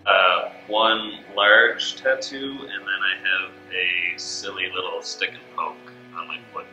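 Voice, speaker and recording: Slow, bright-voiced man of twenty-three. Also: low-pitched, steady tone, highs cut off. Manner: hesitant, with "uh" and "um". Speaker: interviewee. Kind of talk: seated interview. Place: studio with gray backdrop. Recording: roomy studio with faint music.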